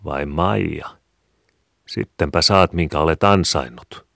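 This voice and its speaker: A man's voice: very deep voice, gravelly, a bit bright, no room sound, studio quality, heavily acted. A man voicing a stern but amused farm mother in a read-aloud story, scolding and then dryly teasing.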